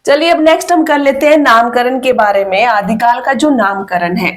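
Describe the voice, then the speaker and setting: A woman's voice: a little high, normal speed. Woman teacher drilling memory tricks. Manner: repetitive teacherly questioning, frequent "ठीक है" and "okay". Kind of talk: exam-prep lesson with memory tricks.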